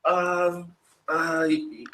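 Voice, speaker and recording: A man's voice: high voice, extremely slow, reverberant, very noisy. A man hosting a casual podcast, reading viewer comments aloud with crude jokes and frequent laughter. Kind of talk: casual chat.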